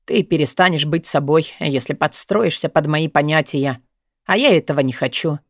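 A woman voicing a brooding, dominant young man who speaks in a low, measured, tired tone in an audiobook reading, recorded dry. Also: dry recording. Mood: weary, firm.

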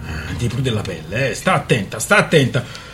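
Man doing a gruff, huffing brute. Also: medium pitch, very animated, normal speed, noisy background, close to an everyday voice. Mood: threatening. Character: sullen, hulking man seething with anger.

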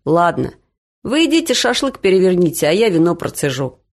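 A woman voicing a deadpan, joking man. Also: fairly low pitch, a little fast. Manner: flat, serious, deadpan. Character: deadpan joking man, dry gloomy humor.

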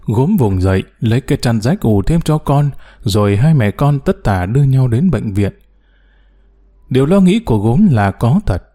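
A man narrating a novel as an audiobook, with expressive storytelling. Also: mid-range voice, normal speed.

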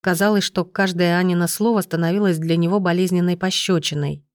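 A woman narrating a romance audiobook in a measured, steady reading. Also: on the low side, no echo, clean studio sound. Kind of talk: scripted narration.

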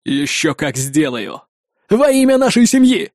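A sneering young blond hothead gloating with theatrical menace, as a male reader puts him on. The voice is mellow and dry, read close in a storybook manner. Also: high-pitched, very animated, a little slow, no echo. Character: smug young blond man in a staged duel.

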